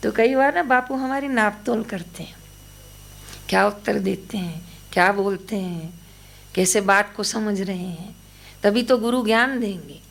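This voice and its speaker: A devotional storyteller, this woman gives a spiritual talk, narrating anecdotes about a guru and voicing the people's dialogue in them. Her voice is medium-pitched, unhurried and creaky.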